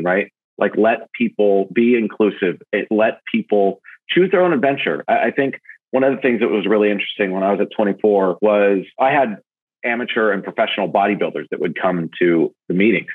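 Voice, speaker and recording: A man with a low, husky voice speaks casually as an interview guest. He tells animated stories, and his pitch leaps up when he gets excited. The audio is thin and narrow, like a phone call. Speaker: podcast guest, event marketer.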